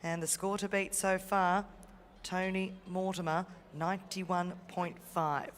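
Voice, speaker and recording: An Australian woman hosts a live event with an even, level delivery. Her voice carries through a reverberant arena PA with some faint noise behind it. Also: lowish voice, unhurried. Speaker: event host and co-announcer.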